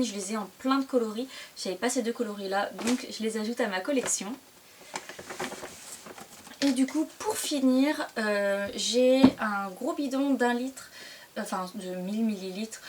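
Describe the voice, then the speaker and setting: A young woman in her twenties, chatting casually with lots of fillers and hesitations as she shows items in a haul video at home. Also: fairly high pitch. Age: 20s. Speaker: vlogger. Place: indoors at home. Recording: distant mic with clear background noise.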